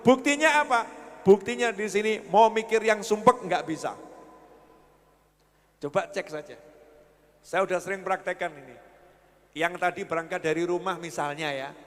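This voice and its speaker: A man's voice: high-pitched, moderate pace, pauses often, a bit bright. A man preaching a sermon at a religious gathering, joking and firing questions at the audience. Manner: jokey, quizzes the audience. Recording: echoey hall with long reverb.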